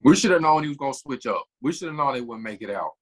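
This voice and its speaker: A man co-hosting a casual podcast, talking fast and loosely in slang, full of restarts. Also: medium pitch, lively intonation, rough recording. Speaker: podcast co-host. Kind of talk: casual chat.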